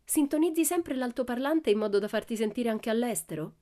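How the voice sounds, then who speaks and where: A woman's voice: on the high side, animated, fairly quick, pitched above the performer's own voice, lightly acted. A woman voicing a cheeky, fearless little girl who teases with mock politeness, in a radio story reading. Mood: teasing. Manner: cheerful, teasing, mock-gentle.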